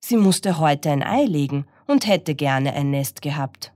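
A woman reads a children's picture book aloud in a low, unhurried voice. Her pitch rises and falls freely in an expressive storytelling way. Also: dry recording, studio quality.

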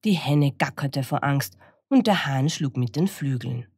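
A woman reading a children's picture book aloud in a slow, expressive storytelling manner. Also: a bass voice, slightly rough, no room sound, clean studio sound.

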